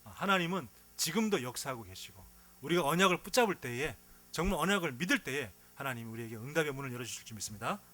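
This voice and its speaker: Talking fast in a fairly high voice, a pastor delivers a sermon full of heartfelt, animated stories. He keeps throwing rhetorical questions at his congregation.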